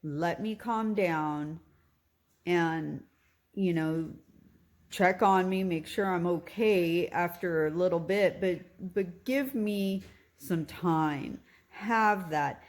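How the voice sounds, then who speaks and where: A woman candidly telling a personal vlog story about her recovery from surgery, pausing often and giving earnest advice. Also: lowish voice.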